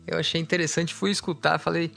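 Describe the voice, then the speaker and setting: A man's voice: fairly high pitch, little pitch movement, quick pace, gravelly, fairly bright tone. A man co-hosting a radio music show, chatting easily and correcting himself as he thinks aloud. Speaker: radio host. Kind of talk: casual radio chat introducing songs.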